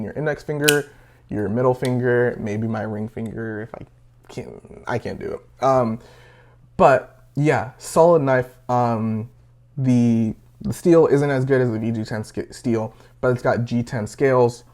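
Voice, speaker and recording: A man's voice: medium pitch, a little mellow. A nineteen-year-old man casually reviewing a pocket knife, rambling with lots of fillers and a little out of breath. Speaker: gear reviewer.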